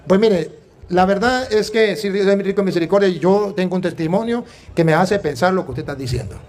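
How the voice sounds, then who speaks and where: Rapid and high-voiced, this male priest from Venezuela mixes preaching with storytelling. He's emphatic and animated, acting out quoted dialogue as he recounts anecdotes.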